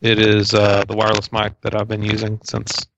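A man's voice: on the low side, monotone, moderate pace, gravelly. A man chatting hesitantly as a podcast co-host, his voice crackling through a wireless mic with a loose connection. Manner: hesitant, searching for words. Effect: crackly, cutting-out wireless mic with a loose connection. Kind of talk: casual chat. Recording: dull crackly wireless mic with clicks and faint hiss.

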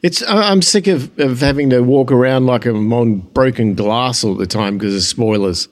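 A man's voice: medium pitch, moderate pace. A man co-hosting a podcast, throwing in wry, short comments, heard a bit farther from the mic. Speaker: podcast co-host. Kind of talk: casual chat.

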